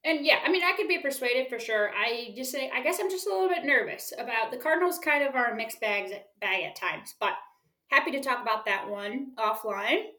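A woman's voice: on the high side, animated, fairly quick, bright, forceful tone. A woman co-hosting a sports podcast, chatting about her picks in an upbeat, casual way. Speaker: podcast co-host. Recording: echoey room.

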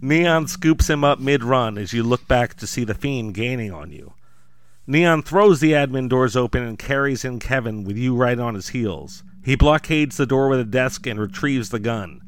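A man tells a scary story in the suspenseful manner of a crime show narrator. His voice is mid-pitched and his delivery scripted, dramatic and dryly humorous. There is clear noise in the background. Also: animated, moderate pace. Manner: scripted, dramatic second-person storytelling with dry humour. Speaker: podcast host and storyteller.

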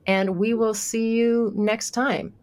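A woman co-hosting a podcast, chatting casually and signing off the episode in a relaxed way. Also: on the high side, slow. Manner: chatty, relaxed sign-off with laughs. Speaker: podcast co-host.

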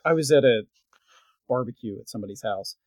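A man's voice: medium pitch, dry recording. A man co-hosting a podcast, chatting casually and often asking questions and cracking jokes. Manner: chatty, quick to ask questions and joke. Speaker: podcast co-host. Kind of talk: casual chat.

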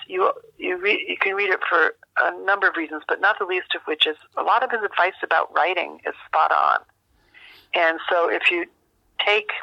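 Heard through a landline with a dull, narrow quality, an older rural American woman, an author who teaches memoir, answers interview questions reflectively. She's halting and thoughtful, pausing long to search for words, and her lowish voice is creaky, with no room sound.

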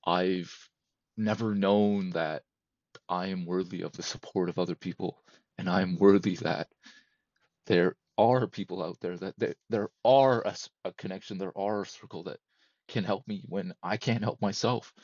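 A man in his thirties, a podcast guest, talking candidly and emotionally in a halting, repetitive way that keeps circling back. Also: low-pitched, fairly even intonation, darkish tone, dry recording, lo-fi sound. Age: 30s. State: emotional, close to breaking. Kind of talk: candid personal conversation.

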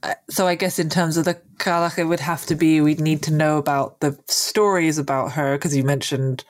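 A woman's voice: low-pitched, steady tone, moderate pace. A woman co-hosting a podcast, asking curious questions and thinking aloud in casual chat. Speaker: podcast co-host.

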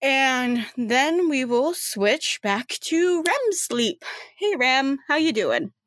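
A woman's voice: high voice, sing-song, slow, a bit bright, dry recording. A woman running a tabletop game, narrating casually with a lot of filler words. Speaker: game master.

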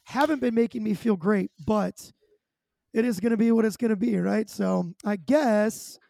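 High, gravelly-voiced male podcast host. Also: normal speed, dark tone, dry recording. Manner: chatty, rambling, self-deprecating. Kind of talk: casual podcast chat.

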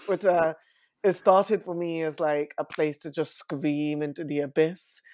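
A young man from West London, chatting as an interview guest with frequent fillers and an animated manner. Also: a little high, a little slow, no echo. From West London, England. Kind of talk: casual interview talk.

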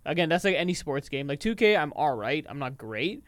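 Fast-talking man with a crisp, smooth voice. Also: fairly high pitch, dry recording. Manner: animated, rambling with many fillers. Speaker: podcast co-host. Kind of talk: casual chat.

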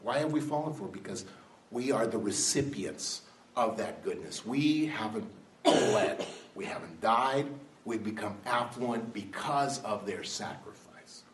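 A lower-pitched male speaker, expressive and unhurried, rouses a live audience with a political talk built on rhetorical questions and emphatic high points. A distant mic in a large hall picks up faint ambience and slight background noise.

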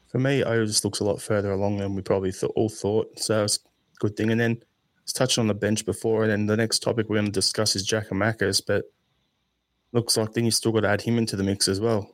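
A man's voice: lowish voice, level tone, a little fast, dry recording. A man hosting a casual football podcast, steering the topics and reading out listener questions.

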